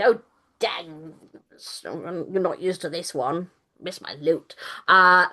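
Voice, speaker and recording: Slow, bright-voiced woman running a game. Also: mid-range voice. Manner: playful, laughs often, drops into silly character voices. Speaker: game master. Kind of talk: narrating a tabletop game.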